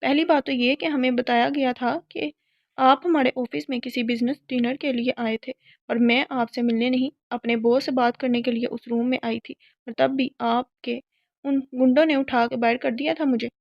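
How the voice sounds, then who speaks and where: A sharp-tongued young woman held against her will talks back with indignation, as a woman reader puts her on. The voice sits a little high with a gravelly edge, heard in a storybook reading with a dry, dull lo-fi sound. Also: steady tone, no echo. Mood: sarcastic. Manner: indignant, sarcastic.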